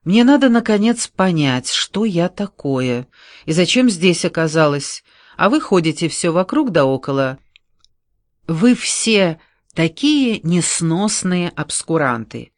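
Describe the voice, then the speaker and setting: A man's voice: a little high, sing-song, slow pace, no room sound, clean studio sound. A man reading an audiobook, voicing a desperate, tearful young woman in a raised, pleading voice.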